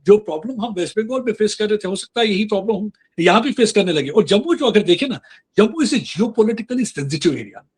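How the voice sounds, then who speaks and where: A man's voice: sits high, lively intonation, fairly quick, husky. A man speaking as a guest in a political interview, earnest and insistent, switching between Hindi and English with frequent fillers.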